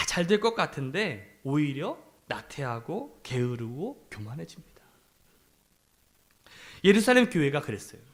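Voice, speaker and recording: A male pastor delivering a sermon with a high, bright-sounding voice that swings widely up and down. He talks to the congregation in a chatty, animated way and drops in joking, self-deprecating asides.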